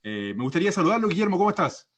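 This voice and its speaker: A Chilean man with a slightly high voice hosts a casual panel chat over a video call. He hesitates often, filling pauses and restarting phrases as he goes. The delivery is relaxed and conversational. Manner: hesitant, many fillers and restarts. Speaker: host.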